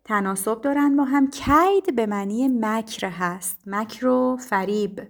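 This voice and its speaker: A woman's voice: a little high, animated. Patient woman teacher explaining poetry. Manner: patient and explanatory, with frequent pauses and fillers. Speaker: literature teacher.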